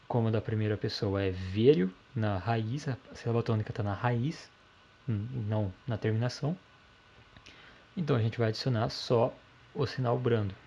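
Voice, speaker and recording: A man teaching a language lesson, calmly explaining grammar step by step and checking in with the listener often. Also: on the low side, moderate pace, dull audio, slight background noise.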